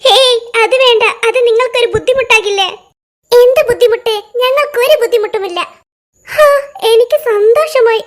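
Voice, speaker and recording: A bunch of young cartoon schoolkids bicker and chatter in very high, squeaky voices. The talk bounces quickly from one child to the next, in the style of an animated comedy. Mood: sympathetic. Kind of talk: cartoon voice acting.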